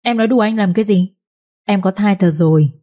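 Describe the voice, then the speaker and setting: A woman voicing a heartbroken young village woman who pleads tearfully, in a husky voice. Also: medium pitch, fast talker, mellow, close to an everyday voice. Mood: pleading.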